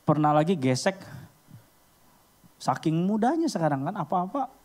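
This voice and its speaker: A man giving a casual storytelling sermon, acting out little scenes with sudden leaps in pitch. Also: moderate pace. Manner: animated, acts out little scenes with sudden high jumps in pitch.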